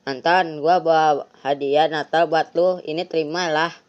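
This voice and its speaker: A woman's voice: low-pitched, fairly even intonation, measured pace. A woman voicing a polite, friendly boy. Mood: placating. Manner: casual, placating. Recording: lo-fi, dull sound.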